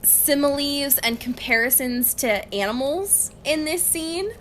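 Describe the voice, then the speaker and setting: Her voice is high and unhurried as she co-hosts a laid-back podcast book discussion. This young woman is wry and giggly, laughs a lot as she talks, and phrases things in an informal, slangy way, with faint noise behind her.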